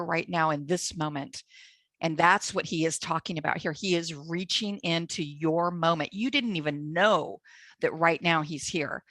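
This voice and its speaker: A woman with a fairly low voice who preaches to her listeners and speaks to them directly. She builds momentum by repeating short phrases again and again. The recording is close and dry. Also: a bit bright, no room sound. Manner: repetitive, rousing, addresses listeners directly. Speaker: Bible teacher and co-host. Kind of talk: preaching-style exhortation.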